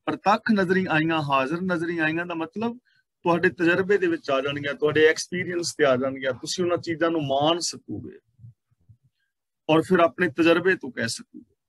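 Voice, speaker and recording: A man with a Punjabi accent teaching scripture, reciting verses slowly and then explaining them line by line. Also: fairly high pitch, fairly bright tone, no echo.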